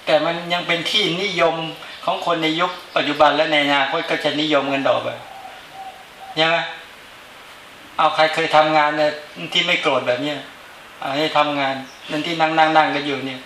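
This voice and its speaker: A man's voice: fairly high pitch, fairly even intonation, normal speed, sharp tone, a little hiss or hum. A male Buddhist monk giving an informal dharma talk, speaking conversationally and often asking the listeners to agree with him. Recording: roomy echo with faint ambience.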